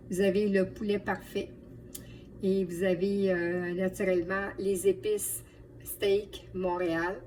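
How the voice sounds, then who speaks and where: Recorded on a distant mic with light noise behind her, a Quebec French woman hosts a casual cooking demonstration vlog as a home cook. Her voice sits in the mid range, and she's chatty, treating viewers like friends.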